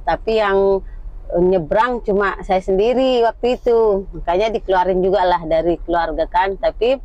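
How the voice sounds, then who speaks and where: An older woman from North Sumatra, Indonesia, the host's mother, recounts her family history in a meandering, casual chat with her daughter. Her mid-range voice is a little mellow, at a moderate pace, with no echo. The recording has a slightly dull, lo-fi sound.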